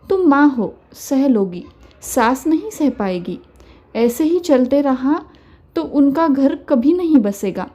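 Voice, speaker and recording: Woman voicing a wise, calm grandmother. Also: high voice, exaggerated voice. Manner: gentle, measured counsel. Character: older mother-in-law, calm, wise, quietly firm.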